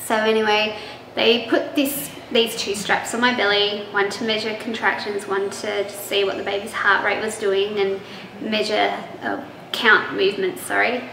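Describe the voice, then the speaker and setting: A young woman vlogging about her pregnancy speaks in a medium-pitched, flat voice at a measured pace, with vocal fry, and she's losing her voice. Chatty despite that, she laughs easily and keeps saying um and restarting. Her echoey room carries faint noise.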